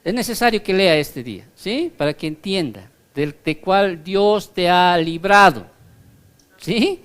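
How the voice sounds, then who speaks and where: Slow, smooth-voiced male pastor teaching. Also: high voice, expressive, a bit bright. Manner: conversational teaching, often checks in with the listeners; reads scripture aloud slowly and emphatically. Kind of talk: Bible study sermon.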